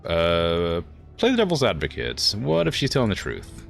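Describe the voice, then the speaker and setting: A man's voice: deep voice, wildly swooping pitch, moderate pace, gravelly, fairly bright tone, faint music behind, pitched below the performer's own voice, heavily acted. A man voicing a wry, plain-spoken mercenary commander while reading video game dialogue aloud. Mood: cautious.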